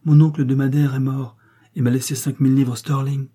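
A man voicing a devoted, spirited young woman who talks gently and earnestly. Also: medium pitch, flat delivery, a little fast, breathy edge, natural voice.

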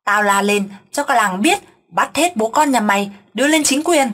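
A raving old village man in a ghost story, gripped by something he cannot shake, hurling accusations at everyone. His husky voice jumps high and loud, as a woman storyteller puts him on. He swings between fury and terror. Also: normal speed. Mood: furious. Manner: shouting accusations, wild and fearful.

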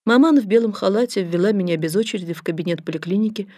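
A woman's voice: mid-range voice, fast talker, mellow, no room sound, clean studio sound. A woman narrating a first-person story as an audiobook reader, in a wry, ironic tone.

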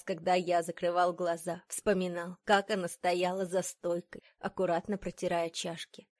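A woman reading a first-person story aloud in a dramatic, expressive way. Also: lowish voice, no room sound. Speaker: audiobook narrator.

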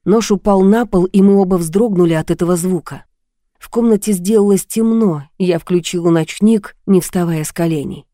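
A woman narrating a first-person story in an audiobook, measured and dramatic. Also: fairly low pitch, dark tone, dry recording, clean studio sound. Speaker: audiobook reader.

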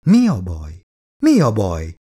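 A man's voice: fairly low pitch, wildly swooping pitch, warm tone, slightly rough, full character voice. Man voicing a fretful affectionate middle-aged wife. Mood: worried tender. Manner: chatty, anxious, coaxing.

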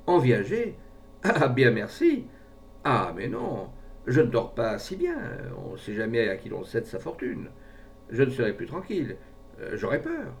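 A man's voice: big pitch swings, fairly quick, vocal fry, far from the mic, slight background noise. A man voicing an anxious, sickly old bachelor who complains plaintively. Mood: fretful. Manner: fretful, plaintive, high-pitched complaints.

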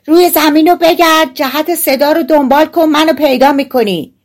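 A woman voicing a tiny, bold boy who shouts in a piercing, cheeky way. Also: high-pitched, voice pushed up. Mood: loud cheeky.

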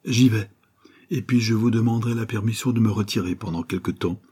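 A man playing a middle-aged country doctor who lays out his reasoning calmly. The voice is low, dark and husky, steady in a spoken story. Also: fairly quick.

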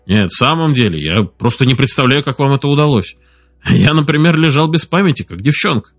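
A man reading the lines of a tank commander in an audiobook, speaking low, quiet and earnest. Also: animated, fairly quick, close to an everyday voice. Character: male tank commander, shaken but composed.

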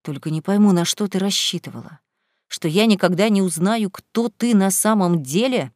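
A woman's voice: mid-range voice, moderate pace, darkish tone, no echo, studio quality, close to an everyday voice. Woman voicing an enraged betrayed young man. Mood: furious. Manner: barking, furious accusations. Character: angry young wealthy man, betrayed lover. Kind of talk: audiobook character reading.

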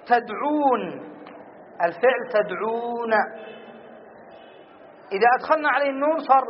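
A man teaching a grammar lesson to a class, stretching out example words slowly and quizzing his students. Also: extremely high pitch, a little hiss or hum. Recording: dull lo-fi classroom recording.

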